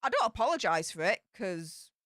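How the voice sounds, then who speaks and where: A woman's voice: mid-range voice, sing-song, normal speed, a bit bright, dry recording, clean studio sound. A woman with a Yorkshire accent hosting a casual livestream, reading viewer comments aloud and answering them in a chatty way with broad local slang. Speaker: livestream host reading chat. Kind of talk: casual live chat.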